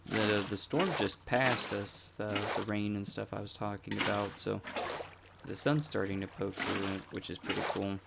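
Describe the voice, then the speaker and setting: A man with a raspy, allergy-hoarse voice giving casual gameplay commentary, thinking aloud and correcting himself as he goes. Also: on the low side, flat delivery, normal speed, heavy background noise. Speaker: gameplay channel host. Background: loud music.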